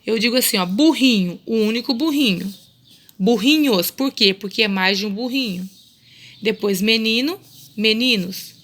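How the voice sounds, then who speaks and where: A woman with a Brazilian accent teaching a remote lesson to young children, patient and coaxing, slowly repeating each word. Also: on the high side, a bit bright. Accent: Brazilian Portuguese. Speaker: primary school teacher.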